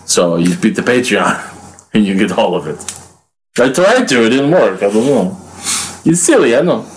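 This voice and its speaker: A man talking as a guest on a casual podcast, rambling and swearing a lot, with bursts of rapid talk. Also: lowish voice, animated, rough recording. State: hungry. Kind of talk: casual chat.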